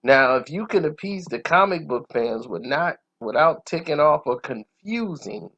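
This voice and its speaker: A man hosts a casual movie review channel, sharing his opinions in an informal, conversational way. His voice is on the high side and a bit bright, and the recording has a dull lo-fi sound.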